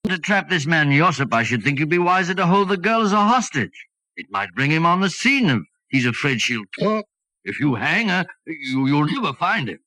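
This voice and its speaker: Blustery, animated Doctor Watson, vintage radio. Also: male voice, fairly high pitch, moderate pace, low-quality recording. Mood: puzzled, protesting. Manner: blustery, exclamatory, affable. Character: warm-hearted, flustered gentleman doctor, the detective's loyal companion. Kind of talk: 1940s radio drama acting.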